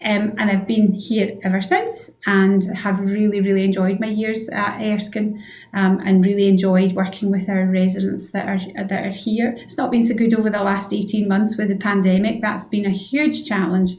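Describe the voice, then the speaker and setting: A Scottish woman of around sixty, a head physiotherapist, answers conversationally as a guest in a radio interview. Her mid-range voice is darkish, with little pitch movement and a moderate pace. The room sounds roomy and echoing.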